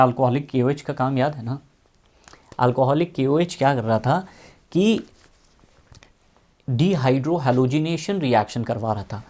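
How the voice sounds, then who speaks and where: A man's voice: a little high, darkish tone. A man teaching chemistry in a casual explaining style, repeating his questions and stretching out as he writes. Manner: repeats key questions, drawls out terms while writing.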